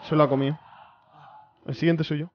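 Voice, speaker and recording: A young gaming streamer gives nervous, chatty commentary on a horror game, talking to his viewers and repeating himself when he gets scared. His voice is fairly high with little pitch movement, and he talks fairly quickly. The recording is muffled, with a bit of hiss or hum.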